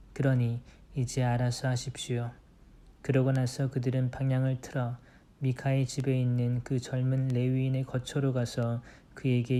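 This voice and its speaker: Priest reading the bible out loud, dark voice, pretty flat and even, steady pace. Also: male voice, medium pitch. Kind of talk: scripture reading aloud.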